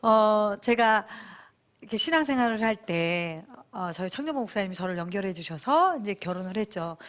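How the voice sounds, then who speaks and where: A woman's voice: medium pitch, lively intonation, moderate pace, a bit bright. A woman giving a testimony talk to an audience, telling her story with laughter and acted-out quotes.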